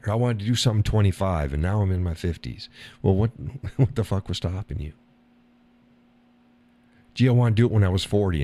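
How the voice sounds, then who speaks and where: A man hosts a casual live stream, talking bluntly and rambling, swearing and laughing often, and mimicking other people in a higher voice. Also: a little mellow.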